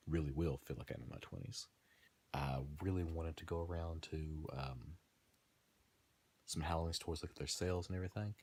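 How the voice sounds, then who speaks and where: Husky deep-voiced man rambling casually. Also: a little mellow. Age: 30s. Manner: chatty, trails off and restarts, laughs at himself. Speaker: gaming video host.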